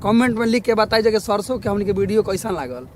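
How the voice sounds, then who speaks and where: A man's voice: high-pitched, expressive, fast. A man with a Bhojpuri accent, a singer and video performer, addressing viewers. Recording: noisy windy outdoor recording.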